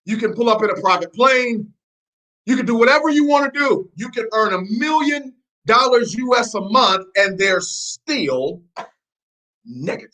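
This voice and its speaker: Speaking at normal speed, a man with a very high-pitched, sharp, animated voice leads a motivational network marketing session, and the audio is poor. He drifts between American and Nigerian accents, preaching emphatically, repeating himself, and quizzing the people listening.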